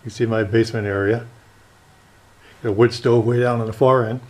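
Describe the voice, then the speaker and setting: An RC plane hobbyist shows off his basement workshop in a casual tour, talking through the rebuild of a model plane. His medium-pitched, slightly mellow voice moves fairly quickly with fairly even intonation, and he rambles and corrects himself in a matter-of-fact way.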